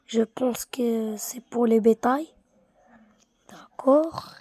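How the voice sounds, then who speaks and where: A woman in a dry, close recording talks her way through a game at an unhurried pace. She keeps half-whispering to herself, repeating the same words over and over. Her voice sits a little high and she comes across as easily bored. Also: mellow, husky, no echo. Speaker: gaming streamer. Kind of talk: casual gameplay commentary.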